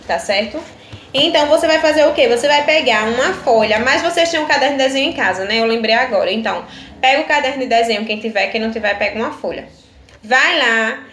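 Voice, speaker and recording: A woman's voice: sits high, a bit bright. A woman with a Brazilian Portuguese accent, a primary school teacher giving a recorded video lesson to children, explaining each step patiently and checking understanding often. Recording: echoey room with faint ambient noise.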